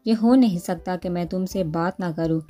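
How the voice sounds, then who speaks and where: A woman's voice: on the low side, moderate pace, dark tone, faint music behind, close to an everyday voice. A woman reading the lines of a teasing, cajoling young groom in a storybook dialogue.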